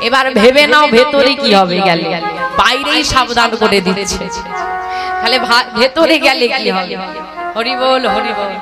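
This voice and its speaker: A woman kirtan singer narrates a devotional tale in an animated, theatrical way and breaks into chanting now and then. Her voice sits high and bright, and loud instrumental music plays underneath. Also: normal speed.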